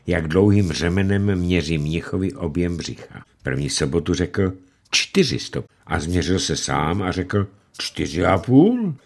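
A man narrating an audiobook in an animated, theatrical reading. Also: low voice, creaky.

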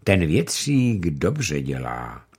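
A man voicing a gentle, wise old grandmother in a storybook, speaking softly and in a measured way. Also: low-pitched, big pitch swings, husky, full character voice.

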